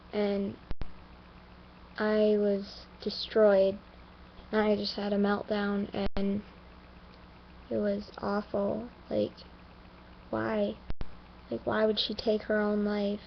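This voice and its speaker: A teenage girl telling a personal story to the camera, somber and earnest, halting with many fillers and restarts. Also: mid-range voice, a little hiss or hum. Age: teens. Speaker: vlogger. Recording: dull lo-fi home recording.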